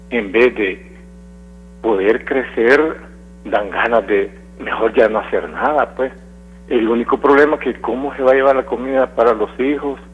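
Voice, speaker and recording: Husky man calling into a radio show. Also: medium pitch. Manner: earnest, hesitant, with fillers. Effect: phone-line call-in voice on air. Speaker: radio call-in caller. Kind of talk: phoned-in opinion. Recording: dull phone line.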